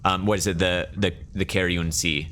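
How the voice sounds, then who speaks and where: A man improvising tabletop game narration as game master, casual and halting, often repeating phrases as he goes. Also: sits low, fairly even intonation, fairly bright tone, a little hiss or hum.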